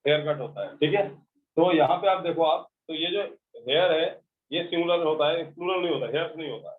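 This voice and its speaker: A male teacher with an Indian English accent gives a grammar lecture in a slightly high voice, going over each point again and again and checking that the class understands. The recording is thin and narrow, like it came through a phone line. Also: brisk, a little hiss or hum. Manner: repetitive, explanatory, checks understanding.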